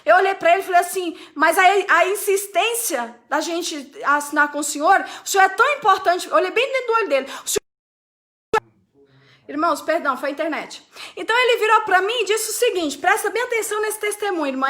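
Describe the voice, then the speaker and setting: A woman pastor preaches a testimony with a very high voice, acting out each exchange in lively storytelling. Her tone is bright and forceful. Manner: animated storytelling, acting out dialogue. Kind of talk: testimony sermon.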